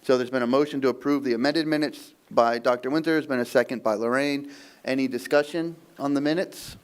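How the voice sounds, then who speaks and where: A man's voice: medium pitch, fairly even intonation, brisk, clear, resonant tone. A man chairing a public committee meeting in an easygoing, lightly joking way.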